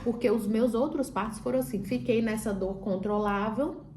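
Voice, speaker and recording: A woman's voice: on the high side, moderate pace, a little mellow, a little hiss or hum. A woman telling a personal story in a casual, chatty way, acting out the dialogue as she goes. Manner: chatty, retells dialogue with many fillers. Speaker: vlogger telling her birth story.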